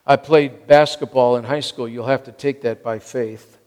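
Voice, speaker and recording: With the long reverb of a large hall around him, a sixty-something American preacher delivers a sermon in forceful short phrases, frequently repeated for emphasis. His voice is medium-pitched, steady, a little mellow, and he speaks at a normal speed.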